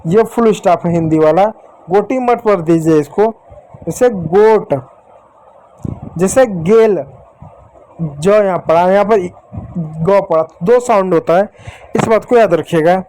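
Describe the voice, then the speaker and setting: Man, phonics teacher, patient, repetitive, high voice, slow delivery. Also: a little mellow, low-quality recording. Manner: slow, patient, repeats example words and checks with "ठीक". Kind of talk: Hindi phonics lesson for children.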